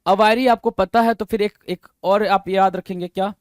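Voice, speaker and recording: A man teaches exam vocabulary, moving between Hindi and in a fairly high voice. He drills each answer over and over, spells it letter by letter and fires questions back at the listener. The recording is close and dry, with no room sound. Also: fairly even intonation, moderate pace, smooth, dry recording. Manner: asks the viewer questions and answers them himself.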